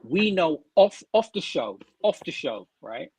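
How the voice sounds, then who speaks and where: Male host, slightly high husky voice, animated, repeats himself mid-point, dry close mic. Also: measured pace, no echo, low-quality recording. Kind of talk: casual live-stream football chat. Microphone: remote stream mic.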